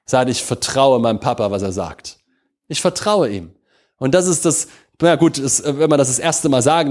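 A medium-pitched man preaches a sermon, shifting between slow, emphatic proclamation and soft, intimate prayer. He frequently checks in with his congregation, addressing them with repeated questions.

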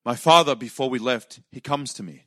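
Man, preacher, sermon, bright voice, short phrases for interpreter. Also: mid-range voice, moderate pace. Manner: emotional storytelling, shouted cries in quoted moments.

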